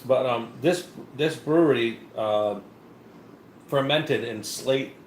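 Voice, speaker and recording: A man's voice: mid-range voice, slow pace. Rambling man in an echoey room. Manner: rambling, many fillers and restarts. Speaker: beer review show co-host. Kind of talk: casual live beer review chat. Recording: echoey room with faint noise.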